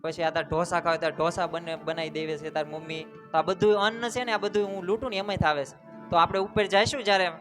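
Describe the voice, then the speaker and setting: A man's voice: high-pitched, steady tone, quick pace, over music, voice pushed down, lightly acted. A man voicing a male bandit father who defends his living in a told story. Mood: pleading.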